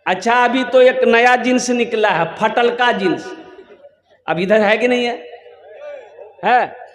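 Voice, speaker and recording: A man's voice: extremely high pitch, slow pace. A man with a Kolkata Bengali accent preaching a sermon to a large gathering, urging the crowd with humorous asides. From Kolkata, India. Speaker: Islamic preacher. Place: large outdoor religious gathering. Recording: echoey public-address reverb.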